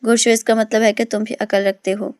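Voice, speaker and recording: A quick-witted male spy who teases his team in mock-innocent tones, as a woman reading the story puts him on. The delivery stays level and even, in a dry, close sound. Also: on the high side, clear, resonant tone, no echo, lightly acted. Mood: teasing. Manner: teasing, mock-innocent banter. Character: playful quick-witted male secret agent.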